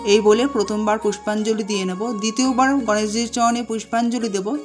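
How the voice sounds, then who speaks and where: A woman giving calm, methodical step-by-step instructions for a home worship ritual and chanting mantras slowly. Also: on the high side, over music.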